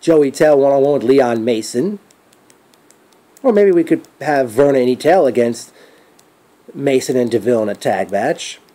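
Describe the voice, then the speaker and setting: A man giving a casual spoken event recap as a fan, rambling and thinking aloud with trailing pauses. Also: mid-range voice, animated, dark tone.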